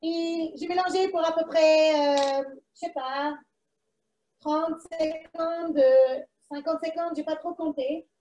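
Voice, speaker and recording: A woman's voice: high-pitched, steady tone, takes it slowly, darkish tone, echoey room, recorded from a distance, a little hiss or hum. A woman with a foreign accent in French presents a live cooking demonstration from a kitchen, chatting to herself as she works. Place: kitchen, indoors.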